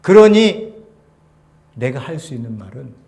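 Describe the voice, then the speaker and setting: A man preaching a sermon as pastor, swinging between loud exhortation and hushed, near-whispered lines, often putting rhetorical questions to the congregation. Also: mid-range voice, big pitch swings, unhurried, slight background noise.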